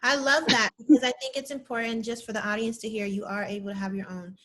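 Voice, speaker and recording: A woman's voice: fairly high pitch, fairly even intonation, quick pace, a bit bright. A woman co-host asking casual questions, hesitating with fillers. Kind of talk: interview questions.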